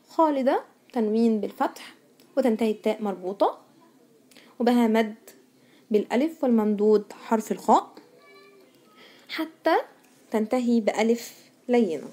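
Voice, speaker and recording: A woman's voice: a little high, fairly quick, long pauses, mellow. A woman teaching a primary school grammar lesson in Egyptian Arabic. She stresses each new word and answers her own questions to the pupils. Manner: asks pupils questions and answers them herself.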